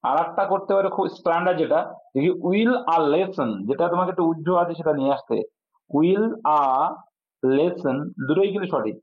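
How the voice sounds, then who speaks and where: A man's voice: a little high, brisk, breathy edge. A man teaching an exam-prep English grammar lesson. He explains step by step and asks his students questions, then answers them himself. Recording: tinny phone-like audio.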